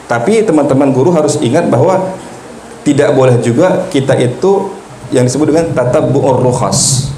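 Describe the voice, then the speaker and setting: A man's voice: on the high side, darkish tone. A man giving a religious lecture to teachers. He often asks questions and then answers them himself, and he mixes in jokes. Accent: Indonesian. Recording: echoey room with faint noise.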